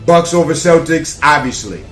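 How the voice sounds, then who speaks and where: A man's voice: fairly high pitch, expressive, normal speed, fairly bright tone, echoey room, faint music behind. A man casually giving sports playoff predictions to camera, brash and rambling, with plenty of trash talk and fillers. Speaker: sports vlogger.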